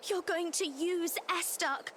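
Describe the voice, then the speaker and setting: A woman's voice: very high voice, steady tone, fairly bright tone, soft background music, full character voice. A woman voicing a young woman earnestly begging someone to turn back. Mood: pleading. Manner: pleading, earnest and slow. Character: young woman begging a dark prince to stop.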